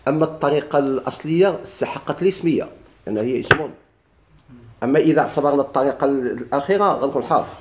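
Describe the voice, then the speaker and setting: A man's voice: medium pitch, rapid-fire, slight background noise. A man with a Moroccan Arabic accent teaching a grammar lesson to a class, putting questions to the students and answering them himself. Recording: echoey room.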